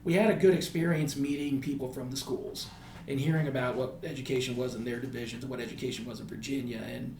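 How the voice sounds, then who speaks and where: In a mid-range, steady, somewhat mellow voice, an American man in his thirties talks at a quick pace. He's a school principal being interviewed on a podcast, speaking reflectively and often rephrasing. The audio has room echo and a faint noise floor.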